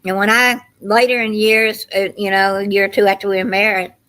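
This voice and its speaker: A woman's voice: mid-range voice, flat delivery, brisk, fairly bright tone. An older woman with a Southern US accent, chatting casually to livestream viewers in a folksy, meandering storytelling way. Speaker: livestream host.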